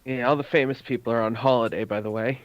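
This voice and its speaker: A man's voice: medium pitch, fairly even intonation, fast talker. A man co-hosting a casual podcast chat with short, dry remarks. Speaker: podcast co-host. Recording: lo-fi line with faint hiss.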